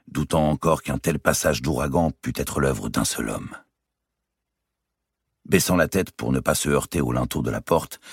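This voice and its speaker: Deep, gravelly male audiobook narrator reading in a steady, measured way. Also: dry recording, clean studio sound. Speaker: audiobook reader. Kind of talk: scripted narration of a historical novel.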